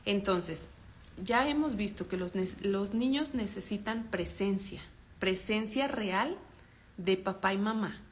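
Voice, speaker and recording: Speaking slowly in a mid-range voice, a woman psychologist with a Mexican accent runs an online parenting workshop. She explains things calmly and acts out example dialogues, with a slight hiss or hum on the recording.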